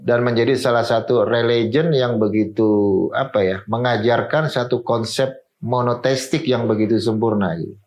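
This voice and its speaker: A man's voice: mid-range voice, steady tone, moderate pace, a little mellow, echoey room, rough recording. A man speaking as a guest in an interview, explaining at length and mixing in Hebrew and English terms.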